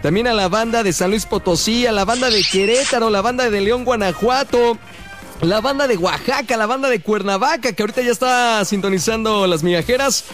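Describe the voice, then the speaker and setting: High-pitched Mexican showman radio host, ringmaster style. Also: fairly quick, fairly bright tone. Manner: ringmaster-like showman greetings and announcements; playful, slangy, exuberant. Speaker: radio call-in show host. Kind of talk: live radio show hosting. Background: music bed.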